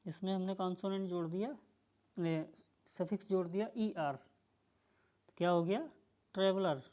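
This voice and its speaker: Slow, soft-toned woman teaching. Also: on the low side. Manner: slow explanatory teaching, addresses viewers as friends. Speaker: English teacher. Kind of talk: spelling lesson for exam students.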